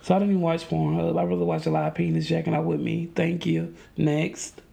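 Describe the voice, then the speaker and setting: A man trading crude jokes on a comedy podcast, with a somewhat high voice and a gravelly edge. He talks theatrically and recites raunchy verse for laughs. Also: level tone, brisk, warm tone. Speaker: podcast co-host. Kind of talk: casual comedic chat.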